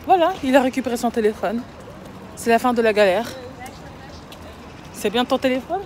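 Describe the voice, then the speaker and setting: A woman's voice: a little high, expressive, moderate pace, slight background noise. A young woman, chatting playfully in a casual vlog and slipping English words in. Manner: playful, mixes in English words, swings from loud teasing to quiet talk. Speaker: vlogger.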